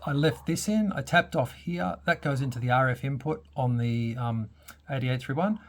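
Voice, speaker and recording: This man, a hobbyist walking through a radio modification, gives an informal hands-on update without a script, pausing and pondering as he goes. His voice sits in the mid range and his pace is moderate.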